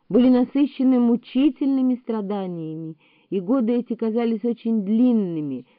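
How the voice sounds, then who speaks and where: A woman's voice: medium pitch, no room sound. Woman reading a memoir over a tinny line. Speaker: audiobook reader. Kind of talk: audiobook narration of a memoir. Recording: tinny phone-like, dry sound.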